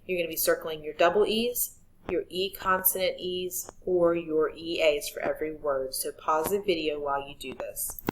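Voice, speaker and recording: A woman teacher giving clear, patient instructions in a recorded spelling lesson for young students. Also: low-pitched, normal speed, a little hiss or hum, low-quality recording.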